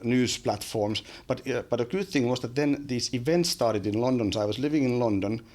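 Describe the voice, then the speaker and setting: A Finnish man in his forties, guesting on a podcast, chats casually with plenty of fillers and restarts in his Finnish accent. His mid-range voice is brisk and darkish, picked up by a boom-arm studio mic in a small room.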